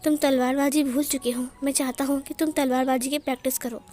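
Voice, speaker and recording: A woman voicing a patient young man in a storybook narration, speaking slowly, softly and gently. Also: high-pitched, little pitch movement, close to an everyday voice. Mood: coaxing. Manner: slow, gentle and soft-spoken. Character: calm, patient young man caring for the prince.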